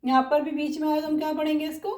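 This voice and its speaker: A woman teaching pronunciation, repeating example words slowly and patiently. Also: sits high, little pitch movement, a little mellow, roomy sound, recorded from a distance. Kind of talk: spoken English lesson.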